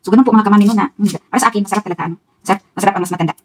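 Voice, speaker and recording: A mid-range, steady-toned female voice rattles along at rapid-fire pace, with a little hiss or hum in the audio. She's a middle-aged Filipino vlogger in her home kitchen, rambling to her audience directly and laughing frequently.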